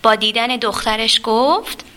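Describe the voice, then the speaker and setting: An expressive woman telling a children's fairy tale, her voice high and bright. She leans toward young listeners and speaks to them directly as she reads. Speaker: storyteller. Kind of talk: children's storybook reading.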